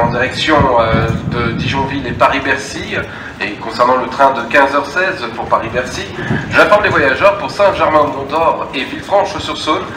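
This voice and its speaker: A man making a live train announcement over a station loudspeaker, halting with many fillers and restarts. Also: medium pitch. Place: large train station hall. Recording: echoey station hall from far off, noisy. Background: station ambience and trains.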